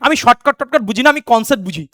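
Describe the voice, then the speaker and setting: A man's voice: extremely high pitch, sing-song, rapid-fire, pushed and bright, dry recording, studio quality. A man teaching an exam-prep English lesson who drills rules by repetition, calls students "baba" and "beta", and breaks into fervent motivational pep talk. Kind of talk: online exam coaching lesson.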